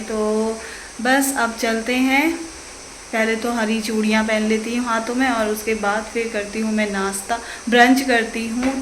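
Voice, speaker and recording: A woman's voice: on the high side, a bit bright, reverberant, slight background noise, rough recording. A young woman from Uttarakhand chatting casually to viewers in her home vlog, calling them guys. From Uttarakhand, India. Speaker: vlogger.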